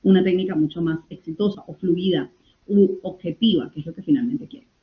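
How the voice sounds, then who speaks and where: A woman's voice: fairly low pitch, a little fast. A woman giving a communication lecture online. She talks expressively and shifts her tone and pace to demonstrate. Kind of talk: online lecture answering questions. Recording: tinny phone-like audio.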